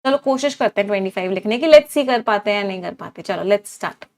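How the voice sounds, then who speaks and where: A woman's voice: mid-range voice, lively intonation, brisk. A woman teaching an online English vocabulary class, repeating her cues and asking her students questions. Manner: drills words aloud with repeated cues, asks students questions.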